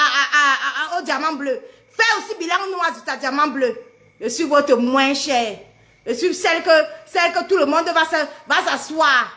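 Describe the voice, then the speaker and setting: A middle-aged pregnant woman, ranting angrily on a live stream, trading insults and mocking her rivals. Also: very high-pitched. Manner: shouting insults, mocking, repetitive. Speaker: social media personality. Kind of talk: angry live-stream rant.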